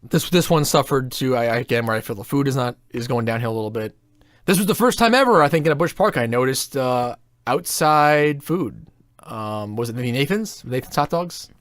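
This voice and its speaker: A man's voice: medium pitch, animated, fairly quick, no echo, studio quality. A man in casual podcast chat, reviewing theme parks in a blunt, opinionated way and swearing freely.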